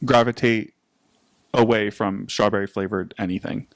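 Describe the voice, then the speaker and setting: A man's voice: on the low side, vocal fry, no echo. A young man co-hosting a podcast, chatting casually and laughing often. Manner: chatty, animated, quick to laugh. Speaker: podcast co-host. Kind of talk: casual chat.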